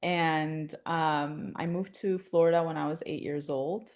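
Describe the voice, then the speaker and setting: A young adult Syrian woman, a therapist appearing as a dance instructor guest, talks reflectively in a casual interview, with plenty of fillers and restarts. Her voice is low and darkish, her tone steady, her pace measured.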